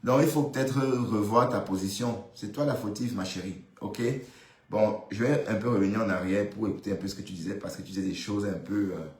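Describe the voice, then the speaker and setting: Casting: low-voiced male commentator, teasing gossip chat, echoey room. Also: brisk, darkish tone. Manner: gossipy, teasing, addresses viewers and subjects directly. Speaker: social media commentator. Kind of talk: casual live commentary.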